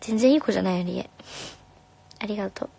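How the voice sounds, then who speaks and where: A young woman, a singer, chatting casually on a live stream, reading comments in a soft, friendly way and sometimes whispering. Her voice is slightly hoarse. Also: medium pitch, fast. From Japan. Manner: soft and friendly, drops to whispers now and then. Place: home room. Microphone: phone.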